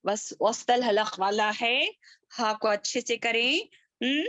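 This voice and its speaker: A woman teaching an online tajweed class over a video call, drawing out syllables in slow repeated recitation drills and checking in often with her students. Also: a little high, a bit bright, dry recording.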